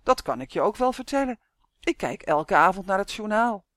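A woman's voice: mid-range voice, lively intonation, normal speed, a bit bright, no room sound, studio quality, natural voice. A woman reading an audiobook, voicing a timid, worried young boy who speaks hesitantly. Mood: earnest. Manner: hesitant and gloomy. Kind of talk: audiobook character voice.

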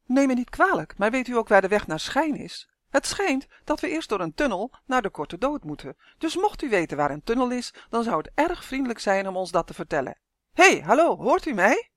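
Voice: very animated, brisk, no echo, studio quality, lightly acted. A reader voicing a tiny male dragonfly elf in a storybook, with a thin, buzzing, fussy way of talking. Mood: polite. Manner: high, buzzing, anxious and fussy. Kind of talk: storybook reading.

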